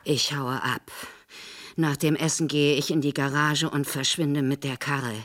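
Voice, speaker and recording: A woman's voice: sits low, fairly even intonation, unhurried. An actress playing a frightened young woman narrating her own plight in a tense inner monologue. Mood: determined. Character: frightened young woman, nervous, planning to flee. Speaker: narrator-protagonist.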